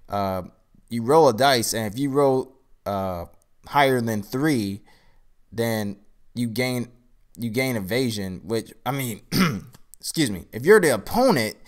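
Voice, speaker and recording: A tired, groggy man on a casual live stream, showing off his card game and thinking aloud as he rambles through each card. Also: medium pitch. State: groggy, tired from a long day.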